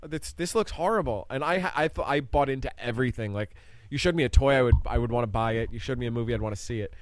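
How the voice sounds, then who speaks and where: A man's voice: mid-range voice, rapid-fire, dry recording. Laid-back man in his forties, dry mic. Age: 40s. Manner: laid-back, rambling with fillers. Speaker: podcast co-host. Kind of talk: casual chat.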